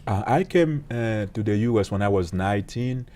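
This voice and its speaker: A man speaks in a fairly low voice. He tells his life story as an interview guest, earnest and halting, pausing often on fillers. He is a pastor and a police officer. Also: lively intonation, dark tone. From Haiti. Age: late 30s.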